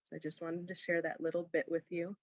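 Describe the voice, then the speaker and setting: A woman gives an informal explanation in a halting manner. Her voice is gravelly with fry and stays fairly flat in pitch. The sound is dry, with no room to it. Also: no echo, muffled recording. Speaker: powwow participant explaining regalia. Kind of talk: informal explanatory video address.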